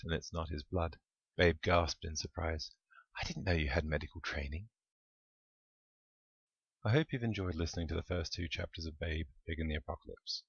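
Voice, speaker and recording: A man reading his own comic story aloud with a wry, deadpan manner. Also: low voice, vocal fry, breathy edge, dry recording. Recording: muffled, dry recording.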